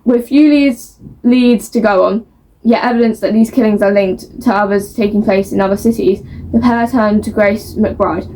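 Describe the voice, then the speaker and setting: A woman's voice: mid-range voice, steady tone, moderate pace, mellow, slight background noise. A woman chatting casually as a book vlogger, reading blurbs aloud and stumbling over words in a self-mocking way.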